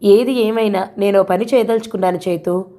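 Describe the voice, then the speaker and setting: A young newlywed wife, hurt and pleading, pours out her complaints to a close friend, voiced by a woman reading an audio novel. Her medium-pitched voice stays close to an everyday speaking tone. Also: steady tone, fairly quick, dark tone, close to an everyday voice.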